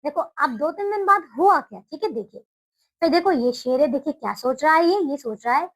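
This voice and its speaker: A woman's voice: sits high, lively intonation, a little fast, low-quality recording. A woman teacher retelling a storybook lesson to children, explaining words and repeating herself as she goes.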